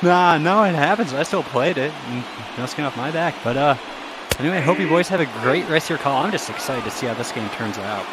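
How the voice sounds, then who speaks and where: A man's voice: on the high side, expressive, brisk, noisy background. A man chatting in a friendly, laid-back way. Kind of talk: casual chat.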